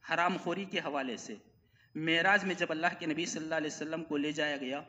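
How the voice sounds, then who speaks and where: A man delivering a Friday sermon. He swings between loud declaiming and low solemn drops, and he repeats phrases for emphasis and recites Arabic verses. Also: steady tone, brisk, muffled recording. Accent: South Indian Urdu. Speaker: preacher.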